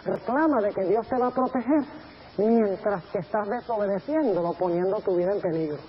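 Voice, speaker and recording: A man voicing a sly male devil who coaxes in a low, hushed way. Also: brisk, highs cut off, a little hiss or hum, close to an everyday voice. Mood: coaxing.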